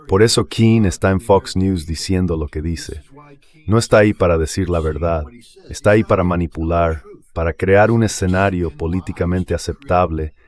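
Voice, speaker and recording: In a translated voice-over, a political guest commentator explains things bluntly and with emphasis, his voice deep and darkish.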